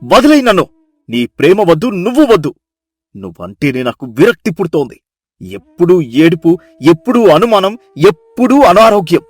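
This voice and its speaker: A man voicing a bitter young husband in an animated storybook, shouting his contempt. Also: high-pitched, moderate pace, breathy edge, no room sound, exaggerated voice. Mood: furious. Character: furious bitter young husband, scornful and cruel.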